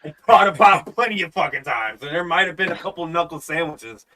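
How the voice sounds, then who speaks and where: A man's voice: on the high side, animated, brisk, pushed and bright, slight background noise. Young man, co-host, casual podcast banter, swears a lot, jokey. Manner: profane, joking banter.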